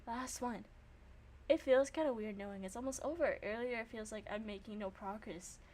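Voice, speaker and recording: A young woman with a slightly high voice streams a game at a moderate pace, switching between reading narration and casual, animated commentary. She's self-deprecating and swears easily.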